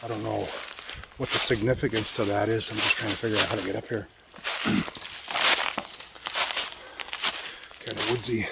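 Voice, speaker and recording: Musing man hiking, loud outdoor noise. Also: lowish voice, steady tone, unhurried, gravelly, long pauses. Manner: thinking aloud, musing and guessing. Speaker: explorer filming old mine sites. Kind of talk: vlog narration while hiking. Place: outdoors in the woods on a mountainside.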